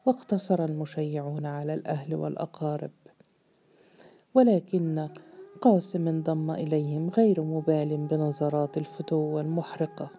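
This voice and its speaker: Low, very mellow woman narrating. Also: slight background noise. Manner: steady, measured storytelling. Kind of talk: audiobook novel reading.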